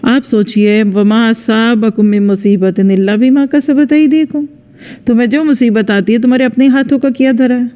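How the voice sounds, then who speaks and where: A woman religious teacher giving a conversational lecture into a microphone, speaking straight to her listeners and acting out sample dialogues. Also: on the high side. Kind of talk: religious lecture to a women's audience. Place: lecture venue with a live audience. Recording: dull lo-fi sound with long hall reverb.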